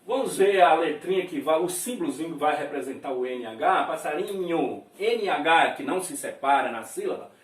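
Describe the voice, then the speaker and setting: A man from Brazil teaches a lesson, spelling out sounds slowly and chuckling as he explains. His voice sits high and moves animatedly up and down. He is heard from a distance in a roomy space. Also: expressive. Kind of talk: classroom lesson at a board.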